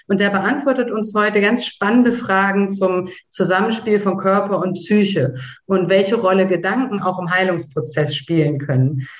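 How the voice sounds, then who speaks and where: A woman hosting a podcast interview, eager and effusive as she introduces and questions her guest. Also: medium pitch. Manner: eager, effusive, repeats "spannend". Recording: roomy, dull lo-fi sound.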